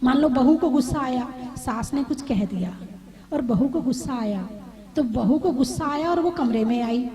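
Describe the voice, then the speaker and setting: Woman preacher, high voice, slow measured pace, conversational sermon, questions to the audience, gently humorous. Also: low-quality recording. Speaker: Jain nun giving a discourse.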